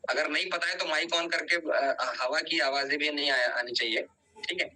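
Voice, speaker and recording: Bright-voiced man teaching biology online. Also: on the high side, moderate pace, low-quality recording. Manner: explains step by step, often checks with "ठीक है"; quizzes students and urges revision.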